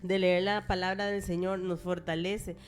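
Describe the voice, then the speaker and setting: Gentle woman host encouraging listeners. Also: lowish voice, flat delivery, normal speed, faint music behind. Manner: gentle, exhorting, with hesitant fillers. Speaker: radio host.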